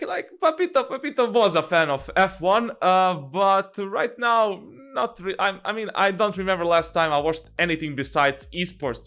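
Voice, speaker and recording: High-voiced joking young man. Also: fairly bright tone. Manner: jokey, laughs often, many fillers and restarts. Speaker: channel host and game coach. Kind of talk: casual Q&A vlog.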